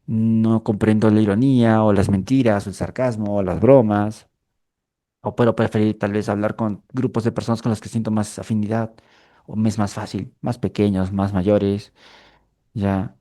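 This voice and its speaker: A man's voice: lowish voice, warm tone, dry recording, clean studio sound. A man from Peru, giving a clinical lecture and checking in with listeners as he explains. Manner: explanatory, frequent checking tags like "¿ya?". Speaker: lecturer in a mental health course.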